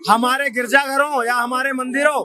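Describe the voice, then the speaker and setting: A man in a heated street debate, lecturing forcefully with rhetorical questions. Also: extremely high pitch, little pitch movement, normal speed. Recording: loud crowd around.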